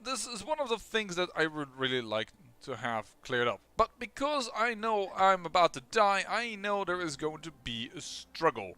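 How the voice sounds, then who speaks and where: A young man from the Netherlands, a let's play host with a smooth, high voice and Dutch accent, gives excitable, rapid commentary on his strategy game playthrough, restarting sentences often.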